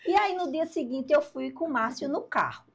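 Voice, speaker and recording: An older woman, a podcast guest telling her story in a lively way and acting out the dialogue. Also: sits high, normal speed, creaky, background noise. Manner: lively storyteller, acts out dialogue, laughs at herself.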